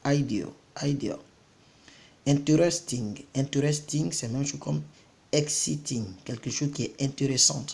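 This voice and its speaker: A man's voice: mid-range voice, measured pace, gravelly, a little mellow. Man repeating vocabulary words. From Côte d'Ivoire. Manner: repeats each word several times, then explains it. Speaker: self-taught English vocabulary tutor. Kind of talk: casual vocabulary lesson.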